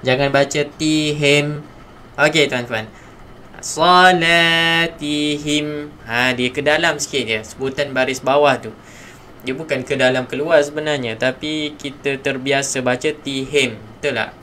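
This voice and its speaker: A man with a Malaysian Malay accent teaching Quran reading in a live online lesson, sounding out each syllable slowly and then explaining in quick asides. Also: a little high, steady tone, bright, forceful tone, a little hiss or hum.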